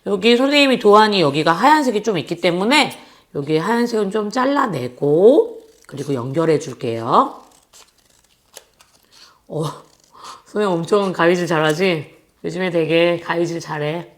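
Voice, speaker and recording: A woman's voice: lowish voice, expressive, measured pace. A woman in her thirties who teaches young children, talking them through a paper craft in a playful, chatty, singsong way. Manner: playful, singsong, chatty, addresses kids directly.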